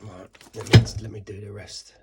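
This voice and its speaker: Over a loud crowd, a man who customizes sneakers walks through a how-to tutorial in a casual, rambling way, his nose stuffy from a cold. He curses here and there and fixes his words mid-sentence, speaking at a moderate pace with a fairly low, level voice.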